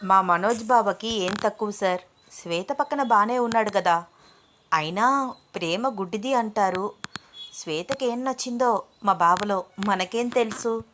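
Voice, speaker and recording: A woman's voice: mid-range voice, a little slow, a bit bright, slight background noise, lightly acted. A woman voicing a playful, cheeky young woman with a teasing, bubbly way of talking.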